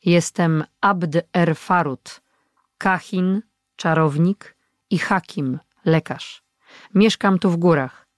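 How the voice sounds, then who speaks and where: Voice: medium pitch, slow, dry recording, lightly acted. Reader voicing an old mountain sorcerer-healer, commanding, authoritative, storybook, dry.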